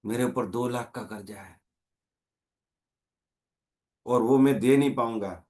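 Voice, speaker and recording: A man voicing a weeping, debt-ridden man, low and quiet as he sobs out his troubles. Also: slow pace, close to an everyday voice. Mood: tearful. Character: weeping, broke middle-aged man.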